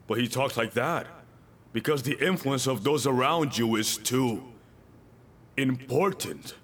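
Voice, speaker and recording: A man's voice: medium pitch, expressive, measured pace, a bit bright. A male pastor preaching a sermon, emphatic and repeating his key lines, with joking asides to the congregation.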